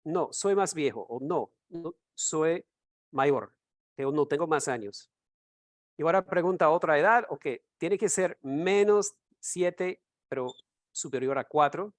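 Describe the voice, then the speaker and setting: Over a video call, a man teaches an English class, explaining slowly and repeating words so his students can echo them. His voice is on the high side.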